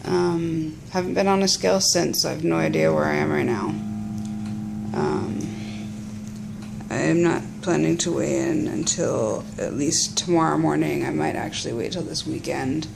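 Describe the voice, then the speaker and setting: Gravelly, halting woman in a casual vlog. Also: low voice. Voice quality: gravelly, creaky. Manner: halting, rambling. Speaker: patient vlogging after surgery. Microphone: phone. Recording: noisy phone recording.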